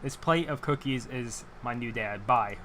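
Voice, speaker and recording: A man's voice: mid-range voice, a little slow, bright, forceful tone, a little hiss or hum. A man voicing a pushy, teasing teenage daughter in a game read-aloud, with a fan running.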